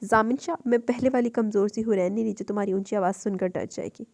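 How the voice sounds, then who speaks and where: A woman reading aloud, voicing a protective young mother who speaks softly to her son and firmly to others. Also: mid-range voice, fast talker, dry recording, clean studio sound, natural voice. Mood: anxious. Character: protective young mother, firm but tender.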